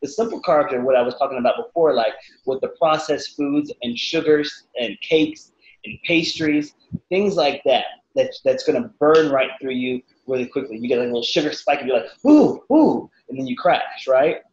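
A man in his thirties, a fitness cook answering interview questions casually over a video call from his living room, lively and acting out quotes. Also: mid-range voice, moderate pace. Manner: animated, acts out quotes with voices. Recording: roomy, slightly dull video call audio.

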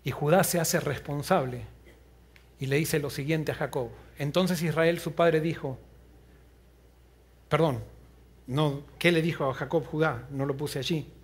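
A man preaching a sermon as pastor, retelling a story earnestly and often dropping to a low, quiet voice. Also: measured pace, long pauses. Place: church.

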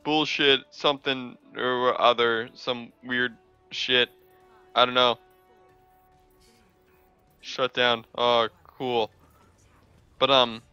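A man doing excitable gameplay commentary, swearing freely and breaking into squealing laughs. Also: mid-range voice, very slow, long pauses, smooth, no room sound, muffled recording, faint music behind. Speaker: gaming video creator.

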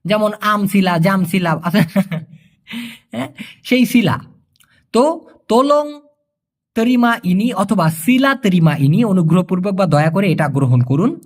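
A man with a fairly high, lively voice that rises and falls a lot. He teaches in a casual video lesson, repeating each phrase and checking that the listener has understood. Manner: explains each word slowly, repeats phrases and asks if it is clear; jokes with the viewer. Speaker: language teacher.

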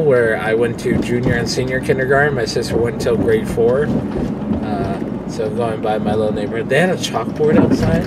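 Recording himself from a dashboard phone in a moving car, a young male vlogger who also wrestles professionally chats to camera in a mid-range voice. He's frank and rambling, cursing freely, with a steady hum of road and engine noise around him.

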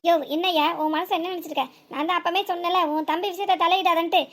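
A woman's voice: very high-pitched, steady tone, quick pace. A woman voicing a bossy wife who threatens her husband in a cartoon, with a southern Tamil Nadu accent. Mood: threatening. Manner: threatening, nagging.

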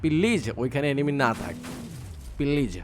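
A man's voice: mid-range voice, very animated, measured pace, a little hiss or hum. A young man giving casual, playful commentary while playing a mobile shooter, teasing his opponents and coaching his teammates. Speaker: mobile game streamer.

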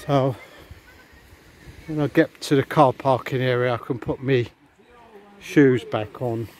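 Taking it slowly in a steady, mid-range voice that's a little mellow, the vlogger addresses viewers casually while strolling a beach and passing hotels. The handheld outdoor recording carries faint background noise, and his talk is rambling and chatty.

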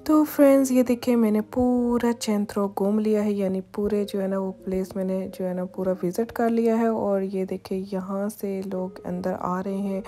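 A woman's voice: medium pitch, steady tone, normal speed, few pauses, warm tone. A woman vlogging a walking tour outdoors through city streets at dusk, chatting casually and pointing out sights as she goes. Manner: chatty, repeats "ye dekhiye" while pointing things out. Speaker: travel vlogger.

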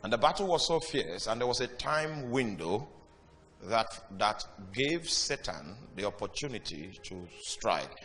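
A man preaching a sermon with dramatic pauses and sudden loud bursts. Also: fairly low pitch. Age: young adult or older. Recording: reverberant hall with music behind.

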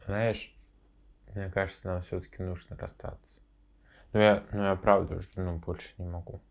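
An actor playing a defensive young boyfriend, bickering and then worn out, in a short film. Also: male voice, fairly low pitch, moderate pace, darkish tone, muffled recording, natural voice. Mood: weary. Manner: bickering, then tired and resigned.

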